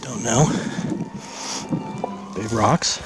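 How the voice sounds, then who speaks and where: A man vlogging while climbing a steep hill outdoors, short of breath, talking in halting bits with pauses as he thinks aloud. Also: mid-range voice, music in the background, rough recording. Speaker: vlogger exploring ruins. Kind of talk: hiking vlog narration. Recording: outdoor wind and ambient noise.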